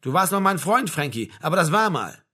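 A man reading an audiobook, voicing an agitated young man who accuses and shouts at his flatmate. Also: a little high, fairly quick, heavily acted. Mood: bitter, accusing. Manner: shouting, hurt, jabbing.

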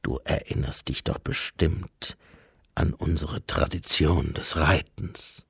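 A man voicing Death, a solemn, calm skeletal being, speaking slowly and in a hushed, grave way. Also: rumbling low, creaky, slightly rough, dry recording, clean studio sound, pitched below the performer's own voice, full character voice. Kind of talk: audiobook character voice.

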